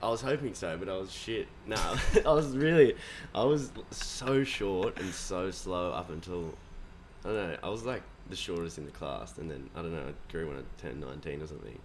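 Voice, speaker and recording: A young Australian man, a guest musician, chats on a casual podcast in a low voice at normal speed, with a little hiss or hum in the recording. He rambles in a laid-back way, swearing a lot and using plenty of fillers.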